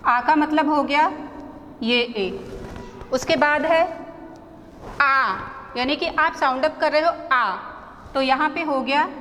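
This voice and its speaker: A woman with an Indian accent teaching an English spelling lesson at a board, slowly spelling out letters and their sounds one by one. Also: high voice, a bit bright. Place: school classroom. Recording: reverberant room, faint background noise.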